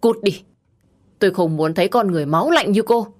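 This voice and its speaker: A woman's voice: lowish voice, fast, lightly acted. A woman voicing a furious grieving young man. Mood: furious shouting. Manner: shouting, harsh and accusing.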